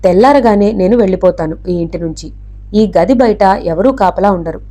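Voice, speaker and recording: A woman doing a hushed, secretive woman helper. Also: medium pitch, normal speed, close to an everyday voice.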